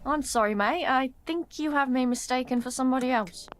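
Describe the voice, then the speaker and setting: A woman's voice: high voice, a little fast, slight background noise, close to an everyday voice. A woman voicing a guarded game character who acts cheerfully polite to a stranger, speaking. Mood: evasive. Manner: chirpy politeness turning curt.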